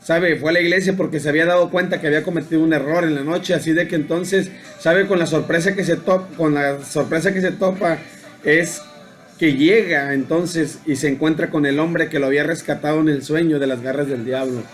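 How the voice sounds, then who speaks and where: A man preaching a daily devotional in a slightly high voice, taking his time and circling back on his words with frequent fillers and tag questions as he tells a story. Soft music plays faintly underneath. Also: steady tone. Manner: unhurried, halting, many fillers and tag questions.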